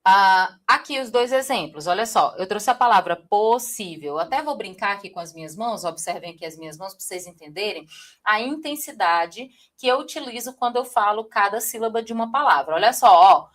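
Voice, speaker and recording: Woman, from Brazil, online teacher, lively, talks straight to viewers, checks in often. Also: medium pitch, brisk. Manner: lively, addresses viewers directly, frequent "tá?" check-ins. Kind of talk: live online class.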